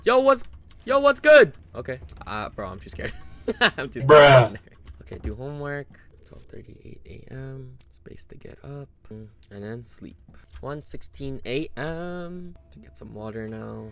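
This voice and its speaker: A young man doing horror game commentary, jumpy and talking to his viewers, with sudden yelps and shouts at scares. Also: medium pitch, expressive, normal speed, hardly any pauses. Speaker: gameplay streamer.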